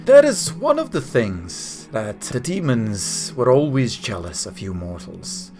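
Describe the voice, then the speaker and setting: A man voicing a grave, wise ancient male archangel in a tabletop game, speaking slowly and formally. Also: medium pitch, very animated, darkish tone, pitched below the performer's own voice. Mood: solemn. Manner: solemn, slow and formal.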